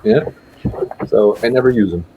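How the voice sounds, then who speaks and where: A man's voice: fairly low pitch, moderate pace, crowd noise, rough recording. A man from Switzerland giving his views in a casual live chat, hesitant and full of restarts. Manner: hesitant, many restarts and filler sounds. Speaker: guest rider on a live chat show.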